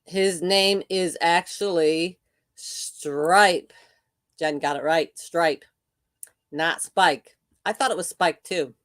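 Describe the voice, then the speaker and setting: A woman's voice: on the low side, slow pace, no room sound, studio quality. An older woman hosting a casual livestream, chatting with viewers and reading their comments aloud with frequent laughs. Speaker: livestream host.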